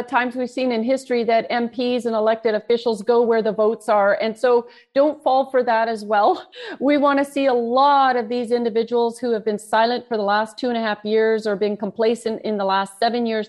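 A woman hosts a political talk show, urging her listeners on in an encouraging way. She pauses on fillers as she moves between points. Her voice sits slightly high. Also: a little mellow. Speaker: host.

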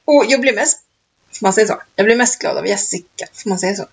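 A woman with a medium-pitched, creaky, husky voice co-hosts a podcast, chatting casually, rambling through stories and laughing often. The recording sounds dull and lo-fi.

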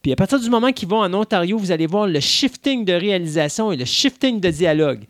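A man with a Québécois accent, voice pitched a little high, holds forth in a casual podcast chat. He is opinionated, talks at length and often restarts his sentences. The sound is dry and close. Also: lively intonation, quick pace, no room sound. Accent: Québécois French. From Quebec.

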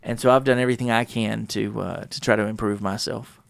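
A middle-aged man talks through a solo podcast episode, circling back and correcting himself as he tells a story. His voice has a gravelly edge. The recording is close and dry, with no room sound. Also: lowish voice, fairly even intonation, fairly quick, no echo. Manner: rambling, self-correcting, warm storytelling with frequent fillers. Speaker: podcast host.

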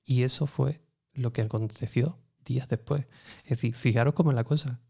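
Guy from telling his story, earnest and lively, mellow warm voice. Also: mid-range voice, moderate pace, vocal fry, husky. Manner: earnest, lively, acts out dialogue. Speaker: interview guest. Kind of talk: animated personal storytelling.

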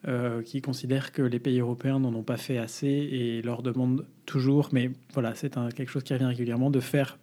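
Male podcast co-host with a warm, dark tone, running down the news items informally. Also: medium pitch, level tone, fairly quick, few pauses. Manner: presents news items, with fillers and restarts. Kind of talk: casual news rundown.

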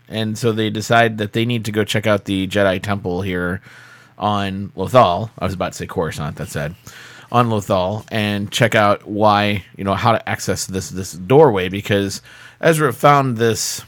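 A man's voice: lowish voice, a bit bright, dry recording. A man chatting casually as a podcast host.

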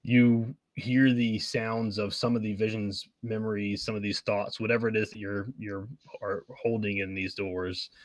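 A man narrates a tabletop game as game master, describing scenes with pauses and fillers. His voice sits a little low and sounds dry and close to the mic. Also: little pitch movement, no echo.

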